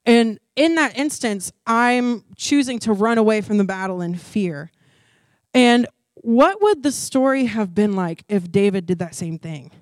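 A woman's voice: medium pitch, animated, a little slow, no room sound. A woman preaching a sermon in a conversational way, full of "like" and "y'all", rising into emphatic preaching at key points. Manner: conversational, often says "like" and "y'all". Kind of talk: youth sermon.

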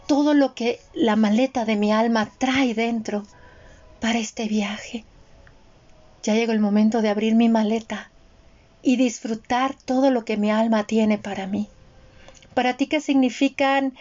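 A woman's voice: a little high, a little mellow. A woman in her forties talking reflectively and earnestly, addressing her listeners directly in a motivational way. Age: 40s. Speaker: co-host. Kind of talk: reflective conversational talk. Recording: dull lo-fi sound.

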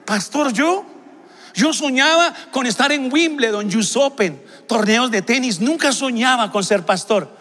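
A man preaches to a youth gathering, his high voice ringing bright and forceful. He builds passionately and often breaks into shouts. The sound trails off in the long reverb of a large church hall. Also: normal speed, few pauses. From Colombia. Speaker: pastor. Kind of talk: sermon to young people.

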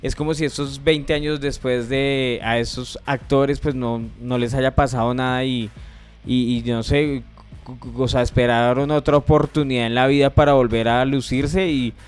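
A man's voice: medium pitch, fairly even intonation, moderate pace, clear, resonant tone. Male Colombian co-host, colloquial and opinionated, clean resonant voice, casual talk. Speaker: podcast co-host. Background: faint music.

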